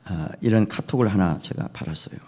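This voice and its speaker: A man pastor preaching an animated sermon that acts out dialogue, in a long-reverb church. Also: deep voice, fairly quick, breathy edge.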